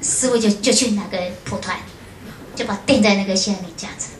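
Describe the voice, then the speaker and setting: A Buddhist nun gives a storytelling lecture to an audience. She tells her story in a lively way and often uses short filler words. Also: mid-range voice, fast talker, slight background noise. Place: lecture room at a foundation. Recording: roomy hall with faint ambience.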